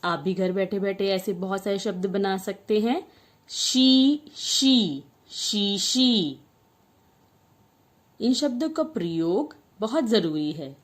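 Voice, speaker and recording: A woman teaching young children a Hindi spelling lesson, saying each word slowly and clearly. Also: medium pitch, a little mellow. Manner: slow, drawn-out word-by-word dictation.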